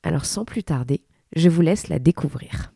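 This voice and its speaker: A woman in her thirties with a French accent, hoarse from a cold, presenting a sports podcast as its host. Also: low-pitched, animated, normal speed, warm tone, no echo, clean studio sound. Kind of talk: introducing and hosting a sports podcast.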